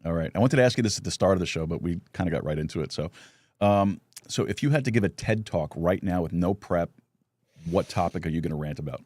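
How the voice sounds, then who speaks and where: A man's voice: sits low, quick pace, a little mellow, dry recording, clean studio sound. A middle-aged man hosting a live talk show, telling stories with many restarts and chuckles. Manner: storytelling with lots of restarts and chuckles. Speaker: podcast host. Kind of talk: casual live chat.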